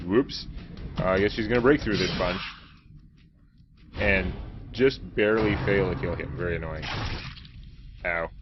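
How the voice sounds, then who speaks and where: Man, let's play host, low voice, chatty, self-mocking, muffled mic, game music behind. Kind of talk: casual gameplay commentary.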